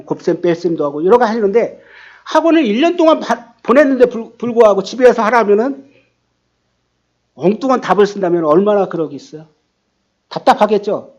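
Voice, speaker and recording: Man preaching, high voice, lively pitch swings, dull lo-fi sound. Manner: animated, acts out quotes with rising pitch and volume. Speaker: pastor. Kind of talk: sermon.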